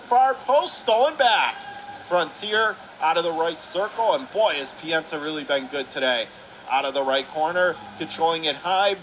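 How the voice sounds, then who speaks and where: A high-pitched male radio announcer calls live hockey play-by-play in urgent, clipped phrases, his tone bright and forceful. He's inside an indoor ice arena, and the live rink recording is clearly noisy.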